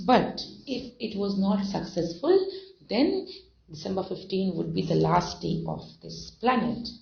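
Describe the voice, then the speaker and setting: A woman teaching an English textbook lesson, reading passages aloud and explaining words slowly, with many fillers and repetitions. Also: medium pitch, very animated, gravelly. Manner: slow, repeats and defines words, many fillers. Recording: dull lo-fi recording.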